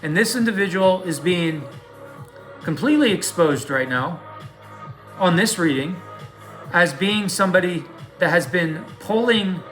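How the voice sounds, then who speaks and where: Guy doing a spiritual tarot reading, high sharp voice, preachy and emphatic, bit of music in the back. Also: expressive, a little slow, long pauses. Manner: emphatic, preachy, with repeated check-in tags. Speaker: online tarot card reader.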